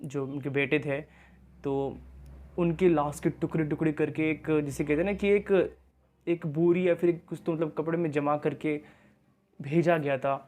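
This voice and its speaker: A young man gives casual commentary as a reaction-video host. He often drops English words into his speech. His voice sits a little high. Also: steady tone, moderate pace, darkish tone. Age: young adult.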